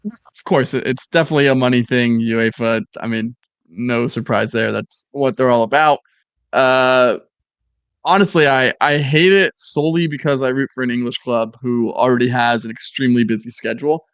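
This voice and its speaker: A man co-hosting a casual sports chat gives blunt, opinionated takes. His voice is smooth and resonant, and the sound is dry and close. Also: mid-range voice, moderate pace, no room sound. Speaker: podcast co-host.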